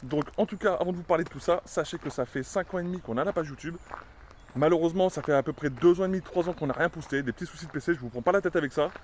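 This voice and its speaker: Un homme qui explique le dressage de son chien en vlog décontracté, avec beaucoup d'hésitations. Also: male voice, fairly high pitch, rapid-fire, slight background noise. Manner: chatty, many "euh" fillers, gives commands to the dog. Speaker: dog trainer and channel owner. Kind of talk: casual explanatory vlog with a dog.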